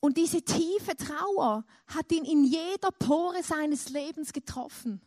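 A woman's voice: high-pitched, slow, darkish tone, no echo, studio quality. A woman preaching a sermon and retelling a story, rising dramatically when she imagines a grieving father's cries.

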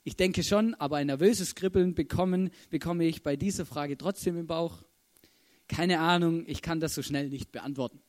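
A man's voice: on the high side, moderate pace, a little mellow. A man preaching a casual sermon, chatty and often checking in with the audience. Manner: chatty, keeps asking "oder?".

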